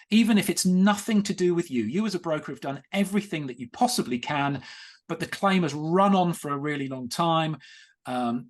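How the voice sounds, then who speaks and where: A man opens a business webinar, setting out a problem in a calm, measured way and talking straight to his audience. His voice sits a little higher than most men's. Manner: measured, explanatory, addresses listeners directly. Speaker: insurance broker relations director presenting a webinar. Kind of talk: presenting a sales webinar.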